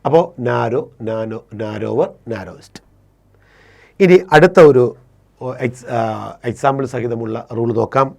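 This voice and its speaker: Lively teacher explaining grammar step by step. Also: male voice, medium pitch, creaky. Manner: explains step by step, repeats and self-corrects; slows and stretches English rule sentences. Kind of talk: explaining an English grammar lesson.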